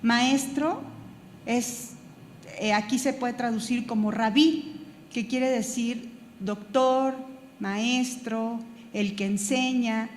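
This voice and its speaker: A woman's voice: a little high, slow pace. A woman teaching a Bible class who stops and repeats words as she searches for them, and spells out terms letter by letter. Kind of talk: Bible study lecture. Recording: echoey hall with room noise.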